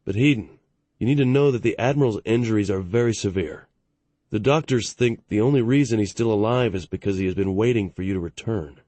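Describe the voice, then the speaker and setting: A man's voice: lowish voice, fairly quick, warm tone, no room sound, close to an everyday voice. A man reading an audiobook, voicing a stressed male fleet officer who explains things urgently. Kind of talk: audiobook narration.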